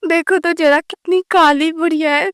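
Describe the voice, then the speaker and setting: A woman's voice: very high voice, steady tone, moderate pace, fairly bright tone, no room sound, studio quality. A woman voicing a giggly cheeky young bride. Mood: teasing. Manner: laughs at the wrong moments, teasing. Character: giggly cheeky young daughter-in-law, tactless.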